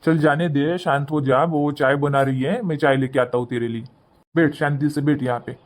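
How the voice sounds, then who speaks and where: A man's voice: high voice, normal speed, natural voice. A man voicing a harried cartoon husband. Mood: placating. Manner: pleading, placating. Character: harried young husband caught between wife and mother. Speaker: son and husband.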